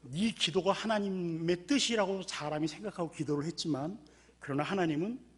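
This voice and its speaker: A man's voice: on the high side, slightly rough. A man preaching a sermon as pastor, telling stories and acting out the characters' desperate cries. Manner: acts out characters' cries in a raised voice. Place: church sanctuary.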